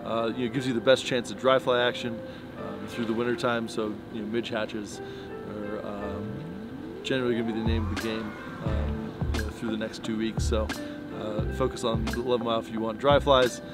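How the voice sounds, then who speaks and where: A fly shop owner in his thirties gives a casual fishing report to camera outdoors in the snow beside pickup trucks, with many fillers and restarts. His fairly low voice is level and brisk, with a music bed playing under the talk.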